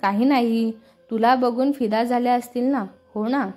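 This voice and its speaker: A cheeky younger sister teases her brother playfully, as a woman narrator puts her on. The voice is fairly high and mellow, over soft music. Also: steady tone, normal speed, close to an everyday voice. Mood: teasing. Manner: playful teasing.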